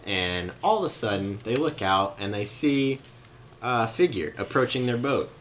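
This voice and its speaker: Young male study leader, low voice, playful storytelling, faint room hum. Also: normal speed. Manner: joking, animated storytelling with laughs. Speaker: youth Bible study leader. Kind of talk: casual teaching.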